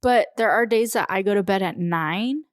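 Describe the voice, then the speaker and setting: A woman in her thirties chats on a podcast in a middle-pitched voice. She wanders from point to point in animated stories. The sound is close and dry. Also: moderate pace, dry recording. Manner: chatty, rambling, animated storytelling. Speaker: podcast co-host. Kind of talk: casual chat.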